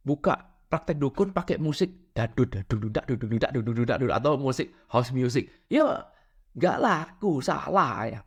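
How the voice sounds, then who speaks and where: A middle-aged man giving a casual spiritual lecture, lively and constantly checking in with his listeners with tag questions. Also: a little high, husky. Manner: lively, peppers talk with "ya" and "benar ya?".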